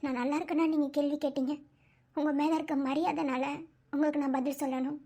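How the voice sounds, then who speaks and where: A woman voicing a guarded young woman doctor in an animated cartoon, speaking quietly and curtly. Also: high-pitched, quick pace. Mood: cold.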